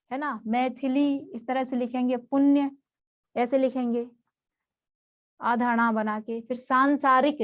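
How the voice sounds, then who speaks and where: Higher-pitched woman teaching spelling patiently. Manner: patient, explains word by word and repeats each term. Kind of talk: spelling lesson for exam students.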